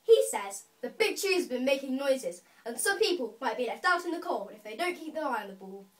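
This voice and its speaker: A woman takes on the role of a chatty young schoolgirl in a theatrical children's monologue, picked up by a distant mic. Her high voice swoops animatedly as she earnestly lingers on dramatic words about her grievances, her tone matter-of-fact yet suspicious.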